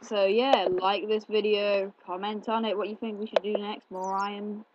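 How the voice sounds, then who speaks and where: This male gameplay host talks in a high, level voice at a moderate pace, rambling chattily through his commentary with plenty of fillers. His desk mic catches keyboard clicks, and the home recording sounds slightly dull with noise in the background.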